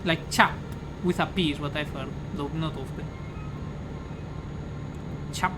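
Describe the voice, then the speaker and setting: A woman's voice: low-pitched, a little slow, noisy background. A woman from Spain with a Spanish accent, chatting casually and crudely while streaming a game into a mic with a pop filter. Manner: rambling, crude, joking. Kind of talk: casual chat while gaming. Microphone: studio mic with pop filter.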